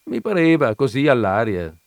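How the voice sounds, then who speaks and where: A man's voice: medium pitch, sing-song, normal speed, no echo. A man doing a fat, boastful talker. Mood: chatty. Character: fat, jovial middle-aged man, garrulous and boastful. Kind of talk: audiobook character reading.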